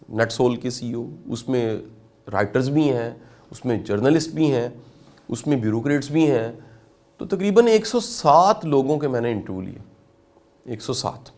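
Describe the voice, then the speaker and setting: With a mid-range voice, a middle-aged Pakistani speaker questions his audience throughout an animated motivational lecture.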